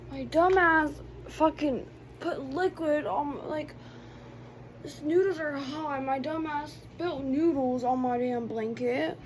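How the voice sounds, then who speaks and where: Slow-talking, swearing young vlogger woman. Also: sits high, a little hiss or hum. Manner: profane, grumbling, drifting into whispers. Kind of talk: casual late-night eating vlog. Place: bedroom at night.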